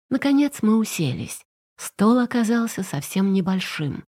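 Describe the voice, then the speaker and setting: A woman narrating a romance novel audiobook in an even, storytelling manner. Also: medium pitch, slightly rough. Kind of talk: scripted narration.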